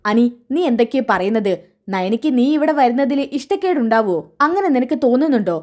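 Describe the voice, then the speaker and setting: A woman voicing a calm elder brother who reasons patiently, in her own voice. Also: fairly high pitch, a little fast, natural voice. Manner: soothing, reasoning.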